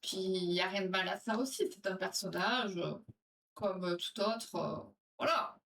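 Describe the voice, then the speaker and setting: A woman's voice: medium pitch, moderate pace, fairly bright tone. Chatty French woman, distant mic. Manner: chatty, rambling, reads viewer comments aloud. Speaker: livestream host. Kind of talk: casual live chat with viewers, running a quiz. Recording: distant mic with music behind.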